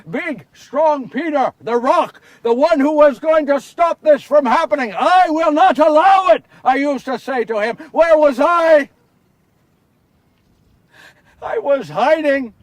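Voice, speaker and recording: A man performing Peter, a remorseful fisherman apostle, confesses in an earnest first-person stage monologue. His voice sits very high and husky. He swings from hushed regret to loud anguish, heard from a distance off the mic. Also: sing-song, unhurried, no room sound, heavily acted. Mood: self-reproaching.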